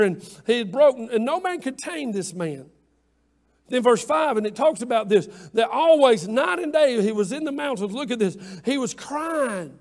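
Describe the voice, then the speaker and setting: A man's voice: sits high, darkish tone. A man preaching a sermon as pastor in a church, building to emphatic swells with repeated phrases. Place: church sanctuary.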